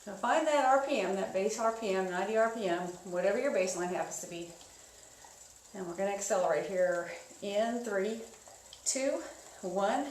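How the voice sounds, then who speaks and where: A woman's voice: mid-range voice, normal speed, a little mellow. Woman spin instructor in an echoey room. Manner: encouraging coaching cues. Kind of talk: guided indoor cycling instruction. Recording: echoey room with faint noise.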